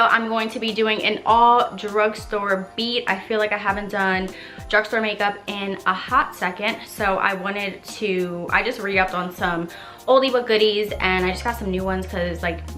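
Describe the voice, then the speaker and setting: In a reverberant space, a young female beauty vlogger rambles playfully through a laid-back makeup tutorial. She speaks in a mid-range voice with a sharp edge, slightly nasal and congested.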